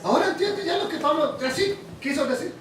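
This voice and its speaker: Man preaching, very high voice, quizzes the congregation, echoey hall, mic at a distance. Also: animated, a little fast, a crowd in the background. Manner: asks the audience questions. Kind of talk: teaching sermon.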